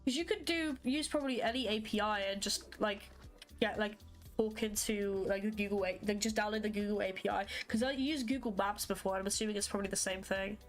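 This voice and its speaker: While live coding a graphics engine, a woman who isn't a native English speaker chats casually with viewers and thinks aloud with many fillers. Her voice is medium-pitched and brisk, with faint music behind it.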